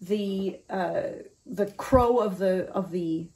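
A woman in her forties talks through oboe reed making in a thoughtful, explanatory way, pausing with ums and restarting phrases. Her voice sits at an ordinary middle pitch. She records in a small room at home in front of a desk camera. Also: darkish tone. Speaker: oboe teacher. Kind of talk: instructional video.

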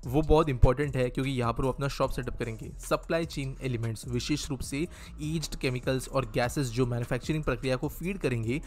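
A man narrating a scripted news explainer in a steady, informative way. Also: mid-range voice, fast talker, faint music behind.

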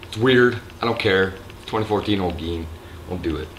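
A slightly drunk man with a raspy throat, rambling and swearing loosely in a casual vlog, filmed on a handheld camera in a resort hotel room. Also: low voice, moderate pace, slight background noise. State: a little drunk. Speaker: vlogger. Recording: echoey room with faint ambience.

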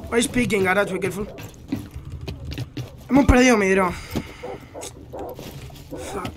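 A man with a Spain Spanish accent doing live gameplay commentary as a gaming streamer. He is excitable, swears often and shouts quick callouts in English. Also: sits high.

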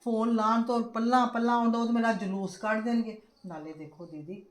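A woman's voice: fairly high pitch, fairly even intonation, fairly quick, roomy sound, close to an everyday voice. A woman playing an anxious, pleading mother. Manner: pleading and fretful. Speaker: worried mother in a family drama. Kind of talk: amateur family drama acting.

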